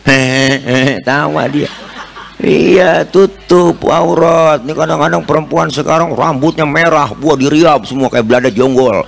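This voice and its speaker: A man's voice: a little high, measured pace, gravelly. Joking male preacher with a twang. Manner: joking, animated storyteller, teasing the audience. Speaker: Islamic preacher. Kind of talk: comic sermon. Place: mosque or gathering hall with live audience.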